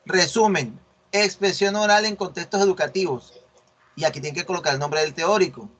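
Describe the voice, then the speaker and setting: A man with a high-sitting, slightly bright voice speaks at a moderate pace. He's a university teacher walking an online class through a research assignment, correcting students and frequently asking "¿sí ven?" to check they follow.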